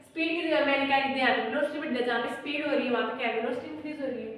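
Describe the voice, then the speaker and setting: Woman schoolteacher, high-pitched, dictates definitions slowly; long reverb, mic set far off. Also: a bit bright. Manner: repeats questions and answers them herself. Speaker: teacher. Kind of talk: classroom physics lesson. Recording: very echoey room, far from mic.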